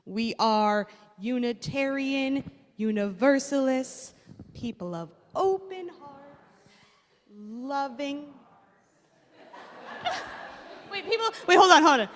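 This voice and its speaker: In a church sanctuary full of long reverb, a woman who leads the children and youth program runs a playful kids' segment of the service. Her high voice has lively intonation, and she speaks slowly with long pauses, sounding upbeat and friendly.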